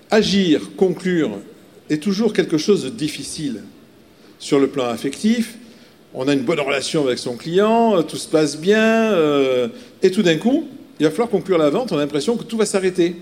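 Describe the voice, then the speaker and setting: Male sales trainer, live seminar talk, emphatic, repeats key words, lots of fillers, slightly high voice. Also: a little mellow.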